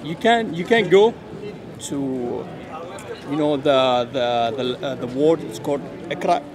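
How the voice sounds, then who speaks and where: Hombre iraquí de habla entrecortada. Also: male voice, mid-range voice. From Iraq. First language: Arabic. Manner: halting, repeats words, pleading. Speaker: passer-by in a debate. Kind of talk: heated street debate. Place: outdoor park plaza. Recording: crowd chatter outdoors.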